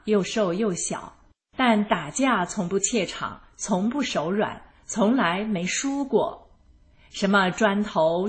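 A woman narrating her own life story in the first person, in a calm and even manner. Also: mid-range voice. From rural China.

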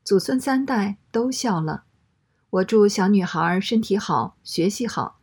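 Woman w a husky voice reading her own story out, even and matter-of-fact. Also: mid-range voice, measured pace. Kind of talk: reading a first-person story aloud.

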